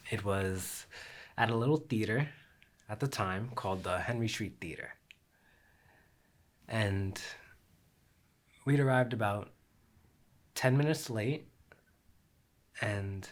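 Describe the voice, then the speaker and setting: A young man performing a reflective theatrical monologue, slow and measured, sinking at times to a near whisper. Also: on the low side.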